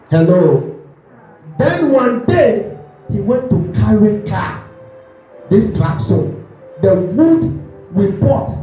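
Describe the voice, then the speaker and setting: A pastor preaching a sermon, telling a story and acting out the voices, often asking the congregation whether they are listening. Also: male voice, high voice. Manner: animated storytelling, acts out voices, asks the congregation questions. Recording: echoey hall with music behind.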